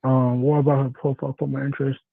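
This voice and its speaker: A man's voice: mid-range voice, level tone, gravelly, a little hiss or hum. Give me a male caller over a tinny phone line. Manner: hesitant, with pauses and fillers. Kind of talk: casual call-in question.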